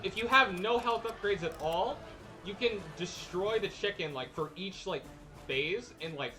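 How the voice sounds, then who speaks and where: A man's voice: sits high, expressive, measured pace, pushed and bright. A young man casually commenting on his own speedrun at a live event, joking and slangy. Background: game music and sound effects.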